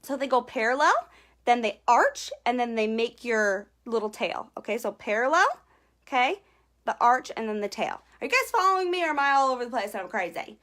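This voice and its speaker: A young woman hosts a casual eyebrow tutorial on live stream, addressing viewers by name and punctuating nearly everything with "okay?" She is a beauty vlogger, giggly, self-conscious and slightly nervous, with a fairly high, animated, brisk voice and a fairly bright tone.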